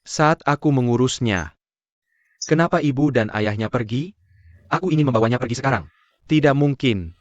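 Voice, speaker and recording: A man's voice: medium pitch, normal speed, pauses often, no room sound, lo-fi sound, close to an everyday voice. A man voicing an indignant stubborn grandfather. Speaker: dubbed drama character. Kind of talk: dubbed TV drama acting.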